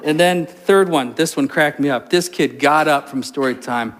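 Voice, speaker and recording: Animated storytelling preacher man. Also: fairly high pitch, moderate pace. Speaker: pastor. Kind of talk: sermon.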